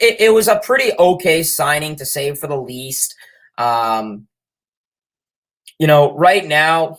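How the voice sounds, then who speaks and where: A sniffling young man with a cold hosts a sports livestream, chatting casually about sports as he reads viewer comments, rambling with lots of fillers and restarts. His voice is mid-range and a bit bright.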